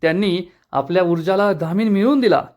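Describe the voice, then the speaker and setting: A man's voice: high voice, expressive, fairly quick, a little mellow. A man narrating a recap of a TV serial episode, retelling the scenes and reading the characters' lines with emphasis. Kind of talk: dramatic story recap narration.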